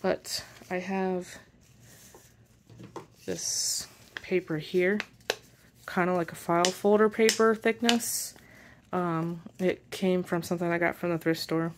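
A woman walking through her handmade journal page by page in a casual show-and-tell, unhurried and pausing as she handles the pages. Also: lowish voice, fairly even intonation, a little hiss or hum. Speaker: journal maker and shop seller.

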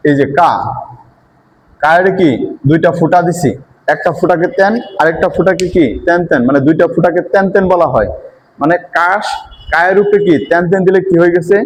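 A man's voice: fairly high pitch, poor audio. Patient man teaching step by step. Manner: patient, repetitive, asks and answers his own questions. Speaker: Japanese language teacher. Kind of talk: step-by-step lesson explanation.

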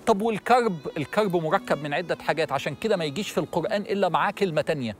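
A middle-aged man with an Egyptian accent giving a religious lesson to a studio audience, animated and asking questions. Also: fairly high pitch, rapid-fire. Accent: Egyptian Arabic. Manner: animated, asks the audience questions, acts out worried people. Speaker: religious TV host and lecturer.

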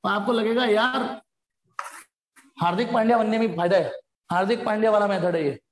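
A man's voice: sits high, fairly quick, roomy sound, a little hiss or hum. A man teaching a physics class, calling his students beta and quizzing them as he works through each step. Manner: addresses students as beta, asks them questions.

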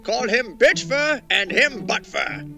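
A man's voice: extremely high pitch, expressive, takes it slowly, vocal fry, music in the background, heavily acted. A man voicing a bossy, self-important old dwarf leader in a cartoon parody, making theatrical speeches. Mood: brisk, apologetic.

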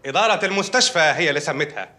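A man's voice: fairly high pitch, expressive, rapid-fire, sharp tone. A man playing a doctor in a film comedy, with an Egyptian accent and a matter-of-fact, playful delivery. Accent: Egyptian Arabic.

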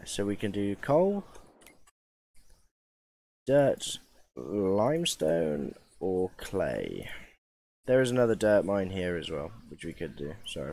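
A man's voice: low-pitched, darkish tone, slight background noise. A young man giving casual, rambling commentary over a mining game, tired and joking at his own expense. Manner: rambling, self-mocking, chatty. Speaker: gaming YouTuber.

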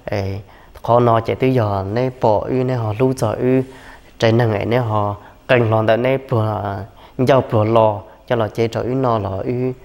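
In this home cooking vlog, the young male host sits on the floor mat of a room indoors, slicing meat and explaining as he goes in an easygoing, talkative way. His mid-range voice stays steady and a little mellow, moving at a normal pace.

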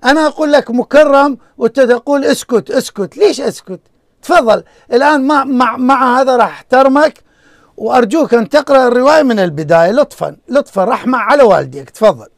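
A man moderates a heated call-in debate in a very high voice. He talks quickly and insistently, pleading and repeating himself. The sound is dry and close. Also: lively intonation, gravelly, dry recording. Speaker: debate show host.

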